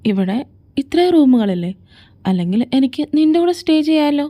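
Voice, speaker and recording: A cheeky, whiny young man pleads to be allowed to stay, voiced by a woman. The voice sits fairly high with a mellow, soft tone. This is a homemade fan audio drama. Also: very animated, a little fast. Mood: pleading. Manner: whiny and begging.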